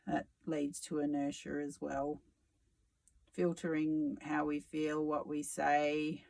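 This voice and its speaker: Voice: mid-range voice, monotone, slow pace, creaky, darkish tone, rough recording. A tarot reader giving a reflective solo reading, musing aloud with sarcasm and casual swearing.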